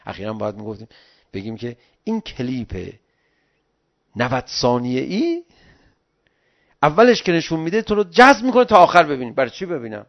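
A middle-aged man giving an animated, pleading religious talk in the style of a sermon, recorded on dull lo-fi audio. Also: medium pitch, pauses often. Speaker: religious lecturer.

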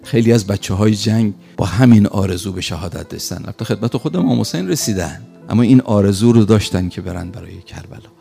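A man telling a religious story as a preacher, animated and pausing for effect. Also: fairly low pitch, vocal fry, soft background music.

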